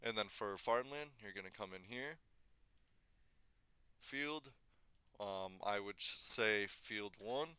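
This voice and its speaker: Bright-voiced man walking through software. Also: on the low side, slow, pauses often, clean tone, no echo. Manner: relaxed, thinks aloud, corrects himself mid-step. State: slightly losing his voice. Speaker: tutorial maker. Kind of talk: casual screen-recorded software tutorial.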